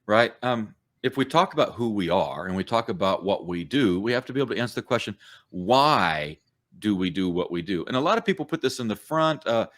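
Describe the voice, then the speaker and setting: This middle-aged co-host of a church podcast, who works as a church coach, has a lowish, expressive voice that's a bit bright and fairly quick. In casual podcast conversation, he lays out ideas in a thoughtful, explanatory way, using many fillers.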